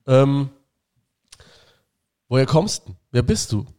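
A man's voice: mid-range voice, sing-song, takes it slowly, a little mellow. A man hosting a casual fan podcast over a virtual call, chatting loosely with many fillers and restarts. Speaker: podcast host. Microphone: remote call setup.

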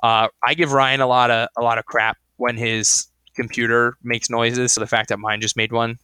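A man's voice: medium pitch, level tone, moderate pace, bright, forceful tone, clear, resonant tone, no echo. A young man co-hosting a podcast in casual chat, rambling with lots of fillers and restarts. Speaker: podcast co-host.

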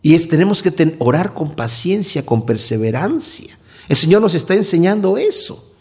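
A man preaching a Bible sermon as a pastor, acting out quoted voices with wide swings in pitch. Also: very animated, normal speed.

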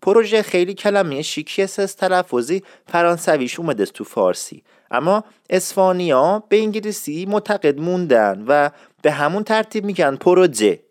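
Man, slightly high voice, dry close sound, patient casual lesson with repeated words. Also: big pitch swings, no echo. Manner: explains slowly, repeating words for practice; friendly, chatty sign-off. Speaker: podcast host teaching a dialect.

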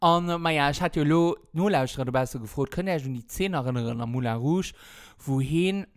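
A man co-hosting a casual podcast, telling a story with lively acted-out quotes. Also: a little high, brisk. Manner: animated storytelling, acts out quotes and sings snippets. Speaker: podcast co-host.

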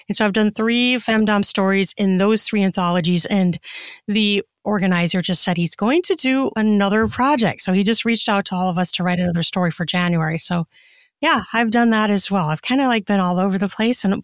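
A woman who writes and narrates erotica chats as a podcast guest in a casual interview, open and talkative as she explains things. Her voice is mid-range, and the recording is dry and studio quality.

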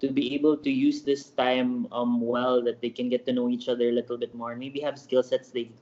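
A man's voice: mid-range voice, level tone, fairly quick, darkish tone. A man answering interview questions over an internet call. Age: 30s. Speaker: guest, education project founder. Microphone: Skype call. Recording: slightly dull internet call audio.

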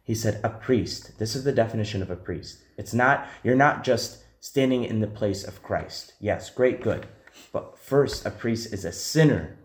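A man's voice: lowish voice, measured pace, echoey room. A man who is a priest, talking earnestly and reassuringly in a podcast discussion. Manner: earnest and reassuring, speaks with emphasis.

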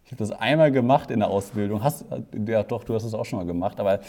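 Guy, wedding photographer, mellow low-key voice, tells stories and acts out what people said. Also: fast. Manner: animated anecdote-telling, acts out quotes. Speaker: wedding photographer, podcast co-host. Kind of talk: casual storytelling chat.

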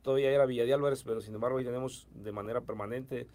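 A middle-aged man with a Mexican Spanish accent speaks quickly in an interview, his sentences full of fillers and restarts. His voice sits at an ordinary pitch for a man. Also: fairly even intonation, mellow. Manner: fast, hesitant with many fillers. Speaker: education official. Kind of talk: interview answers.

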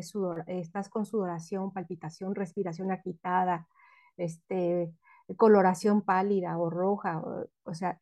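A woman's voice: mid-range voice, mellow. A woman, a guest expert explaining emotional education in an interview, often asking questions and answering them herself.

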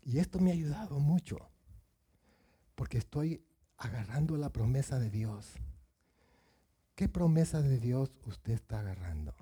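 A man's voice: medium pitch, lively intonation, measured pace, long pauses, warm tone, slightly rough. A man preaching a sermon, asking the congregation questions and acting out Bible voices.

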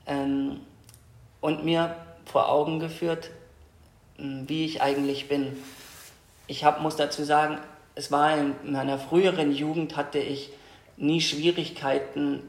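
A young man from Austria speaks as an interview guest. His voice sits a bit high and stays flat, almost monotone, as he thinks aloud with frequent hesitations. The sound is roomy and echoey. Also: creaky. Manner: hesitant, reflective, many fillers and restarts. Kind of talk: personal storytelling in a podcast interview. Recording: echoey room.

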